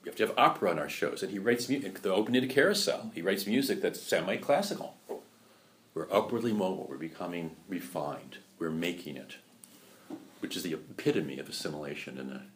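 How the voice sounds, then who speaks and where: A male lecturer with a low voice that rises and falls widely as he talks. He is chatty and animated, prodding his listeners with rhetorical questions and laughing easily. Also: brisk. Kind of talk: lecture on musical theater history.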